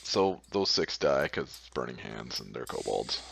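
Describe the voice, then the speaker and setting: A man's voice: rumbling low, big pitch swings, moderate pace, gravelly, noisy background. A man narrating a tabletop game as game master in an informal way, given to humming and sing-songing between rulings.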